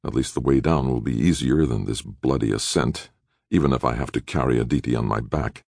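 A man's voice: extremely low pitch, fairly quick, vocal fry, a little mellow, dry recording, studio quality, heavily acted. A man voicing a determined husband who speaks wryly and steadily, coaching himself. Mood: steady.

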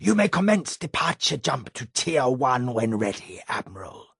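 A man reading an audiobook, voicing an alien male envoy with a rough, papery voice and a slow, formal delivery. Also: medium pitch, very animated, fairly bright tone, dry recording, studio quality, exaggerated voice. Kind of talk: audiobook character voice.

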